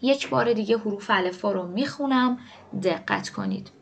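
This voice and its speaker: A woman teaching a language lesson, explaining pronunciation to learners and slowly repeating example words. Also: medium pitch, wildly swooping pitch, a little hiss or hum. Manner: slow drawn-out repetition of example words.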